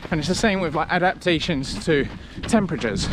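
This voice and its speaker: A man talking casually to camera as a running vlogger, in a reflective, conversational way with halting short phrases. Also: a little high, animated, background noise. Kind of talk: casual vlog talk to camera.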